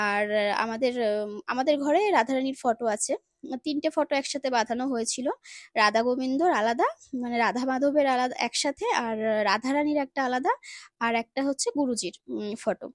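A woman narrating a casual vlog at home, relaxed and explaining step by step with small fillers. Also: on the high side, dry recording, studio quality. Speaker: lifestyle vlogger. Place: home balcony.

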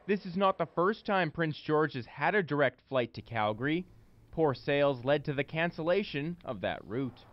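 Young canadian guy reporter reading news script, slightly high voice, muffled noisy track. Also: expressive, moderate pace, no room sound.

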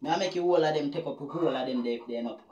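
Young Jamaican male, lively casual banter, heard from across a reverberant room with heavy noise. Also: on the high side, very fast, highs cut off. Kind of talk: casual bantering during a party-game challenge. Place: small bare room indoors. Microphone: camera a few metres away. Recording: echoey room, distant mic, loud noise and clicks.

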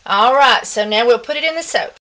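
Woman vlogger, bright and slightly high voice, chatty, rambling with fillers; home kitchen, faint hiss. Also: expressive, fairly quick, poor audio. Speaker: soap maker. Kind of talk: casual home vlog.

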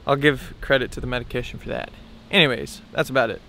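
A man's voice: medium pitch, steady tone, fast, vocal fry, pushed and bright, slight background noise. A young man chatting casually to camera as a vlogger, his pronunciation slightly numb after dental surgery. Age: young adult. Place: outdoors by a sidewalk with palm trees. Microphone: camera at arm's length.

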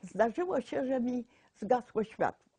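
A woman's voice: a little high, expressive, measured pace, warm tone, slightly rough, no echo. A woman in her eighties telling personal anecdotes informally, acting out what others said, recorded indoors at close range. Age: 80s. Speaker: local resident being interviewed. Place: small cluttered room indoors.

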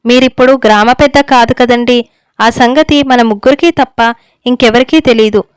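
A woman's voice: on the high side, moderate pace, smooth, no room sound, close to an everyday voice. A woman reading the lines of an anxious older mother who pleads with her husband for her son. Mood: pleading. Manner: pleading, tearful. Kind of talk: story reading.

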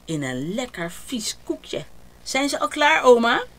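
A woman's voice: a little high, very animated, a little slow, voice pushed up. A woman voicing a cheerful, mischievous old grandfather in a storybook reading, with a jolly, teasing tone.

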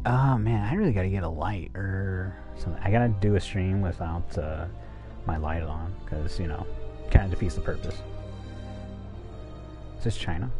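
A man's voice: low-pitched, highs cut off. A man giving casual, muttered and sweary commentary while streaming a game playthrough. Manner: profane, muttering reactions. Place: indoor room, streaming webcam. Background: game music.

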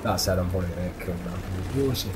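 A man's voice: deep voice, rapid-fire, heavy background noise. Self-deprecating young man over gunfire. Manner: easygoing, self-deprecating, laughs a lot. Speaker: player commentating his own gameplay. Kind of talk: casual banter over gameplay footage.

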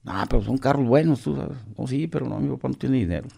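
A man's voice: medium pitch, fast, gravelly, dark tone, breathy edge. A middle-aged man from Mexico with a Mexican accent, a podcast guest telling a story in casual, profane slang and acting out the other voices.

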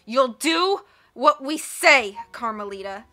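A woman gives voice to a middle-aged man in an audiobook, a greedy, blustering villain who growls, sneers, and roars at everyone in a snarling mood. Her voice is a little high and sharp, with lively intonation at a moderate pace, and faint music plays behind.

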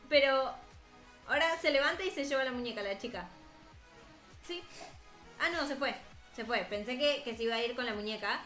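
A woman in her 20s chats and jokes as she reacts to a cartoon story, tossing out quick, amused asides in casual commentary. Her voice sits high and sounds pushed and bright, and the recording has a roomy quality.

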